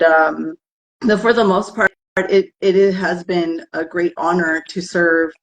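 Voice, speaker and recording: Heard through a low-quality recording, a woman from the United States with a fairly low voice is a guest in an interview. She founded an herbalist business, is bilingual with Tagalog, and speaks in an earnest, heartfelt way.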